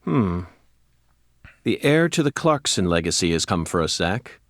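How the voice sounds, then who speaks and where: A man's voice: deep voice, big pitch swings, measured pace, dry recording, clean studio sound, full character voice. An actor playing a composed, wry male FBI agent who muses formally in a video game. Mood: wry, concerned.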